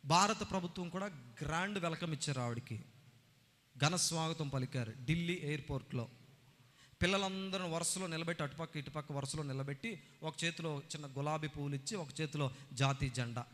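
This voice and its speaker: A man's voice: fairly high pitch, fairly quick, fairly bright tone. A male pastor preaching a sermon, exhorting his congregation, repeating his phrases and pressing them with questions. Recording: long reverb of a church hall.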